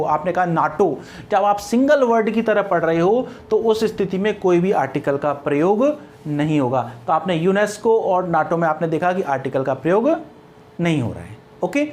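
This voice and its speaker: A male English grammar teacher explaining step by step, mixing English terms into Hindi and answering his own questions. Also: high-pitched. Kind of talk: Hindi-language grammar lesson.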